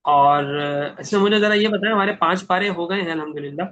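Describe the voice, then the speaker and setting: A man teaching a Quran translation class, reciting Arabic verses slowly and then explaining them with questions he answers himself. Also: sits high, pushed and bright, highs cut off, slight background noise.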